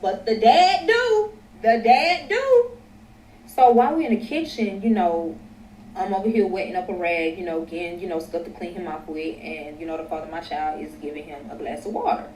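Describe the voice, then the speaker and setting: A woman's voice: on the low side, steady tone, brisk, warm tone, echoey room, distant mic, a little hiss or hum, low-quality recording. A woman telling a dramatic story to viewers, profane and chatty. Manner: dramatic, profane, addresses "y'all". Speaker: storyteller in a clip.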